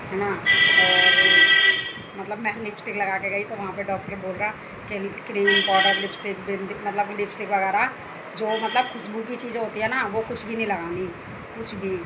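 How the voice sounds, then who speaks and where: A woman's voice: medium pitch, little pitch movement, moderate pace. A middle-aged woman and mother chatting casually to viewers from her home kitchen, repeating herself and calling them guys. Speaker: vlogger, mother. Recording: noisy home phone recording.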